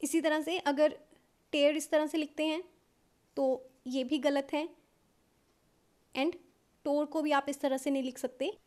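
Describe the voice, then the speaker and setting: A woman with an Indian accent teaching a shorthand lesson step by step. She explains patiently, checks in with "okay" often, and slows down to dictate rules. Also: sits high, fairly even intonation, darkish tone. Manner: patient explaining, frequent "okay" checks, mixes English terms into Hindi; slows right down to dictate English rule lines.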